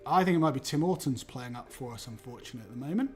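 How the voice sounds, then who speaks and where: A man walking through software in a casual livestream demo, relaxed and easygoing in his explanations. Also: mid-range voice, very fast, faint music behind. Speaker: guest presenting software.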